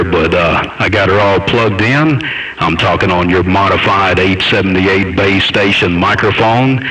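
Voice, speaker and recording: A man doing a casual mic check while he talks over a CB radio transmission, addressing the listener directly in a relaxed way. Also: low-pitched. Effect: heard over a CB radio transmission. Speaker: radio technician. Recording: radio speaker heard from a distance with faint static.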